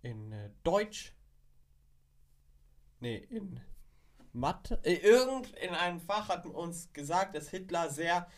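Teen boy host, casual and chatty, trips over fillers, dry quick reactions. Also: a little high, animated. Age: teens. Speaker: podcast host. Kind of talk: casual chat.

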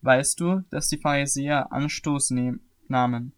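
A man's voice: medium pitch, a little slow, smooth, dry recording, close to an everyday voice. A man reading as puzzled male followers. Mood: questioning.

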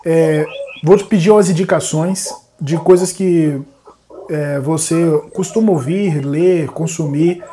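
A man's voice: on the high side, a little slow, mellow, a little hiss or hum. A man in his thirties from Salvador, Bahia, hosting a casual live podcast interview, chatty and laughing often. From Salvador, Bahia, Brazil. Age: 30s. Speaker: podcast host.

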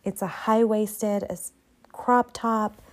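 A woman's voice: mid-range voice, fairly even intonation, slow pace. A woman casually recapping a telenovela episode, swearing freely and acting out the characters' lines with big jumps in her voice. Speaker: recap host.

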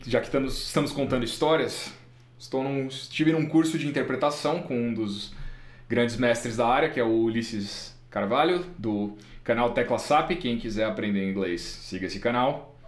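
A man's voice: medium pitch, a little fast. A man with a Brazilian Portuguese accent, a podcast co-host and interpreter chatting casually and emphatically. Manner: animated, laughs often, emphatic. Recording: echoey room.

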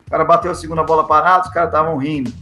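A man's voice: on the high side, racing. A man with a Brazilian Portuguese accent, a football assistant coach telling stories in a casual interview and acting out the dialogue in them. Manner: lively, acts out the dialogue in his stories. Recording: echoey room with faint music.

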